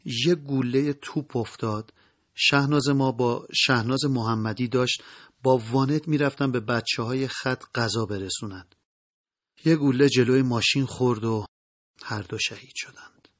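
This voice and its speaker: A man with a husky voice reading the quiet, sorrowful lines of a grown daughter who breaks sad news. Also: mid-range voice, steady tone, no room sound, clean studio sound, lightly acted. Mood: grieving.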